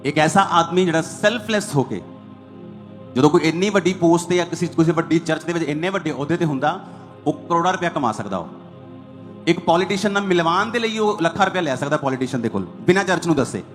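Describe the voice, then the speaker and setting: A man's voice: on the high side, lively intonation, quick pace, faint music behind. A man preaching a sermon as pastor, hammering his points in short repeated phrases.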